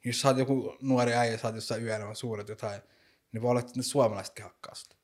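A man's voice: medium pitch, little pitch movement. Slangy young man chatting casually. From Finland. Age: young adult. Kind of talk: casual conversation.

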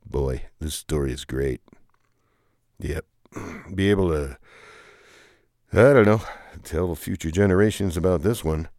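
A man with a deep, darkish voice tells an improvised comic story about two bickering characters, speaking unhurriedly with long pauses in clean studio sound with no room sound. He rambles, groans "ugh" often, and hums playfully along.

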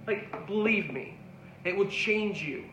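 A man's voice: sits high, takes it slowly, noisy background. A man preaching a sermon, earnest and pleading, with repeated calls to his listeners. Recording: echoey room with faint ambience.

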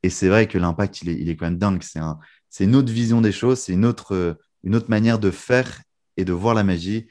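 A man's voice: sits low, a little fast. Young French man chatting easily. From France. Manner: relaxed, many fillers and restarts. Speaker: guest magician. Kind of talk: casual interview chat.

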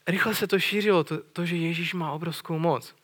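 A man's voice: fairly high pitch, fairly bright tone, husky. A man preaching a sermon in an earnest way, retelling a scripture story and putting questions to his listeners.

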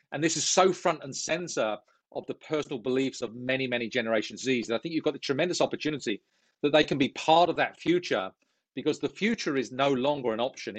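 A man's voice: medium pitch, dry recording. A middle-aged man from the UK, speaking earnestly and fluently as a guest in a business interview.

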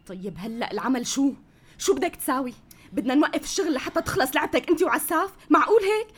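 An actress with a Levantine Arabic accent playing an anxious, urgent partner who pushes for quick action. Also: female voice, high voice, expressive, fairly bright tone. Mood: worried urging. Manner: urgent, nagging. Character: worried, pushy workshop partner.

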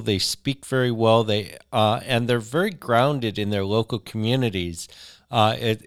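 A man interviewing in a conversational way, measured and reflective as he leads up to his questions. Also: lowish voice, fairly bright tone, no echo, clean studio sound.

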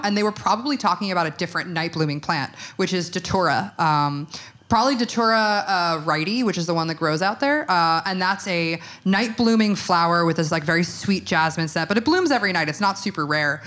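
A young woman guest chatting casually in an interview. She is relaxed and chatty, swears freely and uses lots of fillers. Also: lowish voice, a little fast. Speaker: podcast guest, witch and herbalist.

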